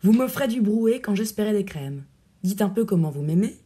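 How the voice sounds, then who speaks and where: A woman's voice: mid-range voice, expressive, normal speed, mellow, slightly rough. A woman reading the part of a witty, demanding young noblewoman who teases and scolds her suitor. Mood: teasing. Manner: teasing and disdainful.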